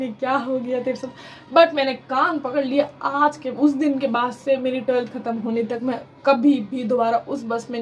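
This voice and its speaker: A young woman casually narrating a personal storytime vlog, animated and rambling, slipping English phrases into her talk. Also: high voice. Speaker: vlogger telling a personal story.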